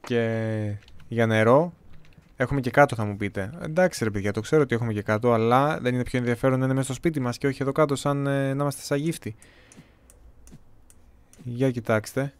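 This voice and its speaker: A young man from Greece giving casual, chatty gameplay commentary, talking to viewers with a slightly hoarse voice. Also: medium pitch, long pauses. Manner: chatty, talks to viewers, jokey self-talk. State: voice a bit hoarse, clearing throat.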